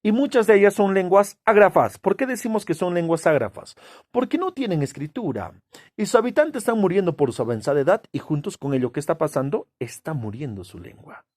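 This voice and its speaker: A man gives a classroom lecture, posing rhetorical questions and answering them himself. He leans hard on key words with drawn-out stresses, his pitch leaping up and down in a very animated way. The recording is close and dry, with no room echo. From Peru. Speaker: teacher.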